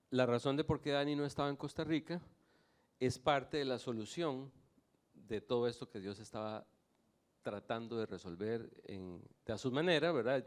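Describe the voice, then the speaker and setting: A man's voice: mid-range voice, a little mellow, clean tone. A man from Nicaragua telling his personal faith testimony to a church audience, with lightly humorous anecdotes. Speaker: guest giving a testimony.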